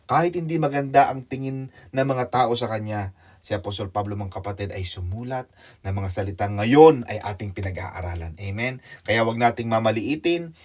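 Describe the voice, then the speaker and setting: A man's voice: lowish voice, moderate pace. Preacher man with wide dynamic swings. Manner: addresses listeners by name, mixes Tagalog and English; swings between loud excited telling and quiet hushed asides. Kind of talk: sermon with illustration story. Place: church.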